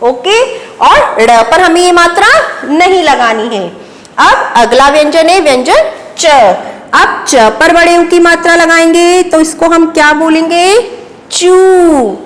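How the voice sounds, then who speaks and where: Woman, kids' phonics teacher, high voice, slow, patient questioning, reverberant room. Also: fairly bright tone. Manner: slow, patient, call-and-response questions and praise. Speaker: primary school teacher. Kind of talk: children's handwriting and phonics lesson.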